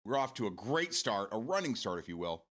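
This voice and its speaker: A man's voice: on the low side, big pitch swings, brisk, a bit bright. A man in his forties hosting a casual morning stream, rambling, repeating words and swearing casually as he answers viewer comments. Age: 40s.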